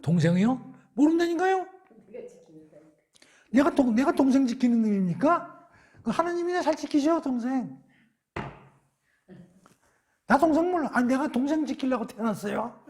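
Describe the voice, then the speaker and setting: A man's voice: extremely high pitch, animated, moderate pace, a little hiss or hum, pitched above the performer's own voice. Cain, a man doing a defiant young talker-back. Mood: defiant, resentful. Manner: sulky, insolent, sharp retorts.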